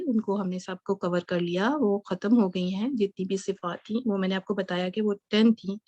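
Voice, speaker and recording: A woman teacher gives a patient recitation lesson, explaining slowly and checking in with her students. Her voice sits at an ordinary middle pitch. The recording is dry and close, with no room sound. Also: no echo. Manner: mixes English words into her explanation. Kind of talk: online tajweed lesson.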